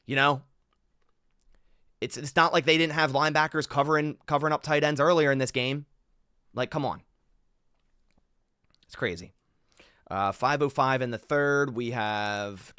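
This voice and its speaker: A man commenting over football game film in an animated, exasperated way, thinking aloud as he goes. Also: mid-range voice, no echo, clean studio sound.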